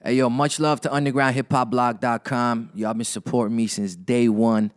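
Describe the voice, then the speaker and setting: A man's voice: medium pitch, steady tone, moderate pace, smooth. A young man with a laid-back manner, talking casually in an interview as a rapper, using hip-hop slang and repeating words as he thinks. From Los Angeles area, Armenian heritage.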